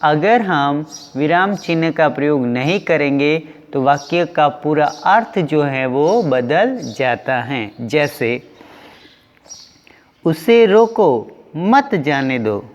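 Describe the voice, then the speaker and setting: A man teaching an online class to young pupils, going slowly and repeating each question with its answer. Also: a little high, animated, big-room sound, highs cut off. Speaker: school teacher.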